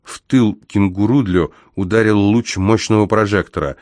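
A man reading a first-person adventure story as an audiobook narrator, measured and even. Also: on the low side, no echo, studio quality.

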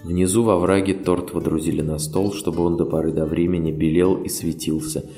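A man reading a novel aloud as narrator, measured and expressive, in a roomy recording with faint music behind. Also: sits low, vocal fry. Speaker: audiobook narrator. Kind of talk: scripted literary narration.

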